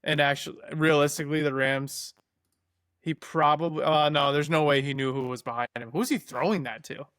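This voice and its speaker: Sarcastic higher-voiced man talking football. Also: a little fast, dry recording, studio quality. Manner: sarcastic, excitable reactions to a live game. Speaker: podcast co-host. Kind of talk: casual sports chat.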